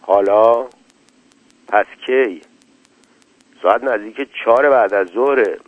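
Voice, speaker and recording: A man voicing a blunt young husband who turns gentle and coaxing, in an old radio story. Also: on the low side, no echo, lightly acted. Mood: irritated. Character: hungry young husband, gruff but tender. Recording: tinny dry lo-fi radio recording.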